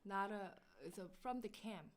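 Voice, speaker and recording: A woman hosting a casual livestream from her own room at home, lively and quick, often laughing as she talks. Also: medium pitch. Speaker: livestream host.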